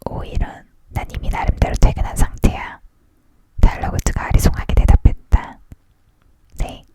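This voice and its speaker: A person leaning in to whisper a storybook aloud as a whispered ASMR reading, entirely unvoiced. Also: normal speed. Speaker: audiobook reader.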